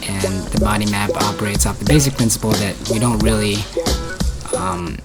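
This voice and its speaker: A man's voice: lowish voice, steady tone, normal speed. A man vlogging in a casual, laid-back way, talking slangy and calling people dude and bro. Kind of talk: casual vlog monologue. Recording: loud background music.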